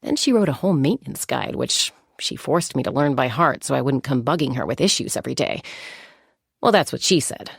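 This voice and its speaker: Wry and fond, a composed young woman who is a seasoned flying warrior and peacemaker speaks a scripted game monologue in a full character voice. She sounds low, animated, gravelly and slightly rough, measured, articulate and reflective, in a studio-quality recording without echo.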